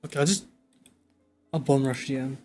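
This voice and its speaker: A man livestreaming a game, talking casually and thinking out loud in a conversational way. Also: medium pitch, moderate pace. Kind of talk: casual livestream chat while playing a game. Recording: game music behind the voice. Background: video game music.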